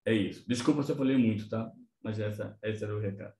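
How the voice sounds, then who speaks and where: A Brazilian man telling a personal story in an online meeting, acting out the dialogue with big swings in his voice. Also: fast talker. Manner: animated, acts out dialogue with big pitch jumps. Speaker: meeting participant, entrepreneur. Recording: echoey room.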